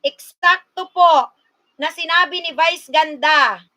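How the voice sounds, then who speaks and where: A woman from Bicol in the Philippines hosting a casual livestream, slowly coaxing her viewers and talking to them directly. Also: very high-pitched, pushed and bright. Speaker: livestream host.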